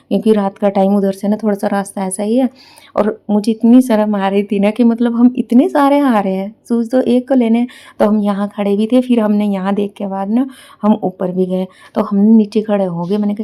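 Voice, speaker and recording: Chatty mellow-voiced woman vlogger. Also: mid-range voice. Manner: chatty, rambling storytelling with many fillers. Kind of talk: casual home vlog narration.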